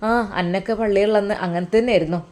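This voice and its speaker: A woman's voice: medium pitch, steady tone, fast talker, darkish tone, close to an everyday voice. A woman with a Malappuram accent voicing a fussy, pious older mother who dotes on her children and gives worried advice. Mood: fondly fussing. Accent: Malappuram Malayalam. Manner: doting, endearments, worried advice.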